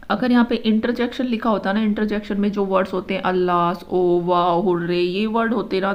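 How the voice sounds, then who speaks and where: A woman teacher explaining an exam-prep lesson step by step, mixing English terms into her Hindi and reading each option slowly before explaining it quickly. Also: mid-range voice, darkish tone. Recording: dull lo-fi recording.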